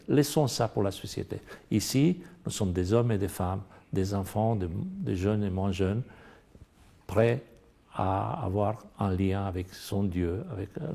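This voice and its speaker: Gravelly middle-aged guy, romanian accent, earnest bible study talk, leans hard on his points. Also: on the low side, warm tone. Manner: earnest, rising to emphatic stress. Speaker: panelist in a Bible study discussion. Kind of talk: discussion of a Bible lesson.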